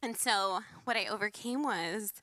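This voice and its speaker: A woman's voice: medium pitch, measured pace, very noisy. A young woman who leads a church life group, chatting casually and animatedly on a panel and often laughing.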